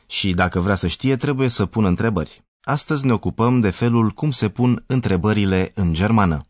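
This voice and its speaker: A man presenting a scripted radio language lesson as the professor, explaining clearly and didactically. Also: on the low side, no echo. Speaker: language teacher.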